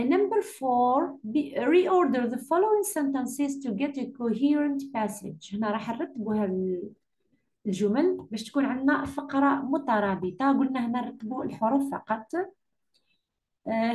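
Woman, Algerian Arabic accent, English teacher, exam correction, patient, repeats words slowly, slightly high. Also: darkish tone.

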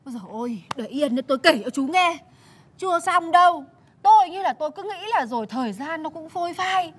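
An actress playing a loud, nagging village wife who scolds and exclaims in a flustered way. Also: female voice, very high-pitched, animated, brisk. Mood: scolding.

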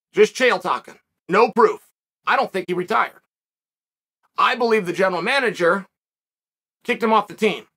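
Forceful ranting male commentator. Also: high-pitched. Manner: emphatic, ranting, repeats phrases for effect. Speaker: podcast host. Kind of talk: opinion commentary.

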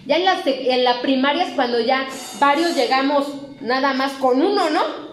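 A middle-aged woman with a Mexican accent, talking to a recovery group with a blunt, profane honesty. Her voice sits high, and the room around her rings with echo. She tells her story openly and with feeling. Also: moderate pace. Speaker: psychologist speaking at a recovery clinic. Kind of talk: candid testimony talk to a recovery group. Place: meeting room at a rehab clinic.

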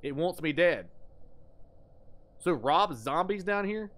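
A man hosting a live horror-game stream, joking loudly, reading in-game notes aloud and mock-crying into a desk microphone. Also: on the high side, animated, slow pace. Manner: jokey, reads in-game notes aloud, yells and mock-cries. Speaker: livestream host playing horror games. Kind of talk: casual live gameplay commentary.

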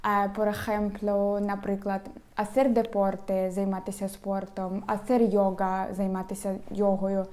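A young woman with an upbeat manner who teaches a language lesson and repeats each phrase slowly so learners can follow. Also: medium pitch, flat delivery, warm tone. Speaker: Spanish teacher.

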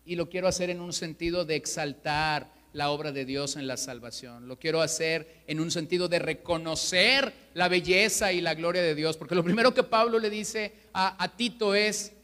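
A high, bright-toned pastor delivers an emphatic sermon. He drives his points home with rhetorical questions. His voice rings with the long reverb of a church hall. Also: moderate pace, few pauses, smooth. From Mexico.

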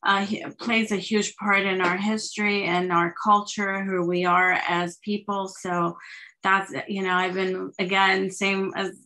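A woman of the Armenian diaspora interpreting for a director and answering questions on a video call, relaxed with um fillers. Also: mid-range voice, a little slow. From Armenian diaspora, living in Los Angeles. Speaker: producer and interpreter. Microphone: webcam on a video call.

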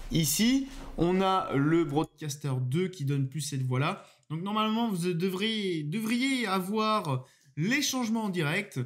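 A man giving a casual, explanatory microphone tutorial, hesitant and full of fillers, recorded on a USB desk microphone at home. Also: high voice. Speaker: tech YouTuber reviewing a microphone. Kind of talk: casual screen-share tutorial. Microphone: USB desk microphone under test.

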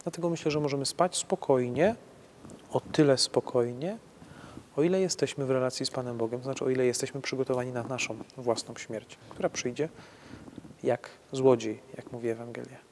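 Man, priest, halting speech, many restarts, faint background hiss. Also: medium pitch, steady tone, a little mellow. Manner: conversational, halting restarts, frequent tag "nie?". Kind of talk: answering questions on faith.

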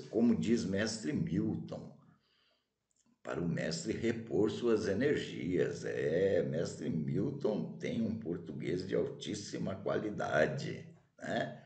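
A man's voice: deep voice, a little mellow. A man hosting a checkers channel, talking casually and tagging almost every phrase with "né?". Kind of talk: casual commentary and storytelling. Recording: roomy echo.

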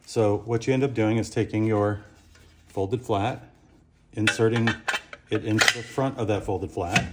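A man's voice: on the low side, fairly even intonation, unhurried, a bit bright, slight background noise. A man giving a plain, step-by-step demonstration of a workshop tool in a small concrete booth, on a camera mic. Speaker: product demonstrator.

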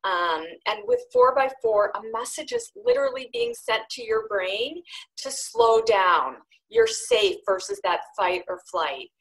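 A middle-aged woman counselor calmly explaining a grounding exercise in an instructional webinar talk over a video call. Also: on the high side, unhurried, gravelly, low-quality recording. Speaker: mental health counselor presenting. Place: small indoor room, on a webinar video call.

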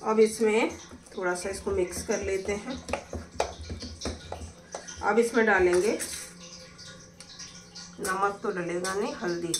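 A woman's voice: mid-range voice, fairly even intonation, takes it slowly, pauses often, distant mic, music in the background. A woman chatting casually as she demonstrates a recipe at home, explaining each step as she cooks. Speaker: cooking vlogger. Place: home kitchen. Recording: echoey kitchen, voice from off-mic. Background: clatter of pots and utensils.

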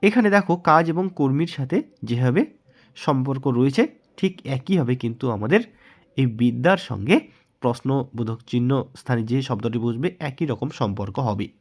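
A Bengali-accented man teaches exam prep, patiently going through mock test answers and asking questions he then answers himself. His voice is mid-range, lively in intonation and a little fast.

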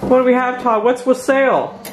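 A woman's voice: sits high, steady tone, moderate pace, background noise. A woman co-hosting a casual holiday chat, bantering playfully and swearing casually. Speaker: co-host. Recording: echoey room with faint music.

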